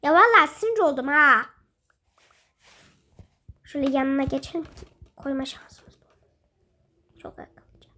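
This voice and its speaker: High-voiced chatty woman gaming. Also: lively intonation, unhurried, pauses often, bright, forceful tone. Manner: chatty, self-mocking, exclaims at the game. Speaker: gaming video host. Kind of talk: casual let's-play commentary.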